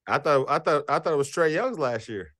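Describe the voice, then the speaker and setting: A man, a basketball coach, speaking as a guest in a casual interview, with halting phrasing and frequent fillers. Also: a little high, lively intonation, bright, forceful tone, dry recording, clean studio sound. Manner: halting, many fillers and restarts.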